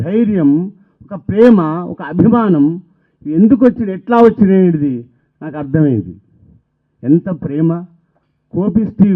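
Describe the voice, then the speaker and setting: Male speaker at a book launch, high voice, halting phrase-by-phrase speech, tinny phone-like sound. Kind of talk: reminiscing speech. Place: stage at a book launch event.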